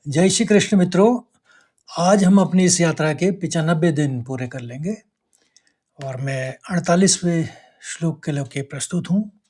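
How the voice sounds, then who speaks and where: Slow, measured man teaching scripture. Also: a little high, dark tone. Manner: slow, measured explaining with chanted verses. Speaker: Gita teacher. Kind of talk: slow Sanskrit recitation lesson.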